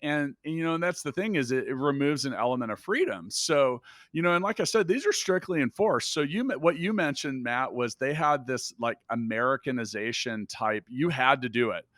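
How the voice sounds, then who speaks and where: A man in a casual podcast chat, ranting with blunt, profane emphasis. His voice sits at an ordinary middle pitch. The recording is dry with no room sound. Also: fairly quick, no echo. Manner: emphatic and profane, animated asides. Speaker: podcast co-host.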